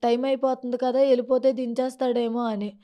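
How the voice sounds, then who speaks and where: A young woman from Srikakulam, Andhra Pradesh, speaking with a Srikakulam Telugu accent, gives distressed, pleading testimony in an interview, repeatedly calling the interviewer "sir." Her voice is on the high side and warm, with a level tone and a fairly quick pace. It's an emotional testimony.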